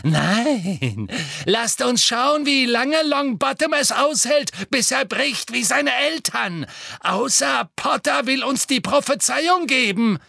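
A cruel, gleeful witch, as a man puts her on in an audiobook. She taunts with relish in a raised, swooping voice. The reading is slow and deliberate, and the sound is dry and close. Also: high voice, sing-song, gravelly, a bit bright, breathy edge, no room sound, voice pushed up, full character voice. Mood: gleeful cruelty. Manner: delighted, taunting. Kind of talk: audiobook character voice.

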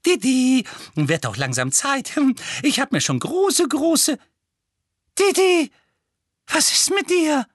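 A man's voice: mid-range voice, sing-song, a little slow, few pauses, sharp tone, husky, no echo, clean studio sound, exaggerated voice. A man voicing a doting, hysterical middle-aged aunt with a piercing, wailing voice in an audiobook. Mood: alarmed.

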